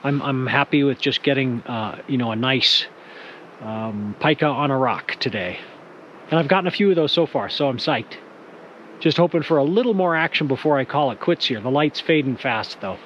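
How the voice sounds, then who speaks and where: Relaxed, chatty man filming outdoors. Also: mid-range voice, moderate pace, lo-fi sound, a little hiss or hum. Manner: relaxed, chatty, self-deprecating. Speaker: wildlife photographer. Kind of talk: casual vlog chat. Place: outdoors in a rocky scree field at dusk.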